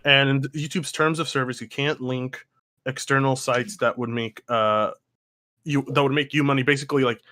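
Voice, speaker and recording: A man's voice: medium pitch, steady tone, moderate pace, pushed and bright. A man co-hosting a podcast in casual, sweary conversation. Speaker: podcast co-host.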